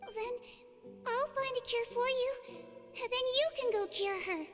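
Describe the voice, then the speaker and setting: A woman voicing an earnest, determined young girl healer in a video game, with a small childlike voice and gentle, careful manner. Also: very high-pitched, unhurried. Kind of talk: video game story dialogue. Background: music.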